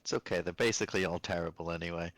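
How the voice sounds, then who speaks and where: A man running a tabletop game, relaxed and joking with the players. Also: deep voice, very fast, no room sound. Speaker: game master. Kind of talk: casual tabletop game play.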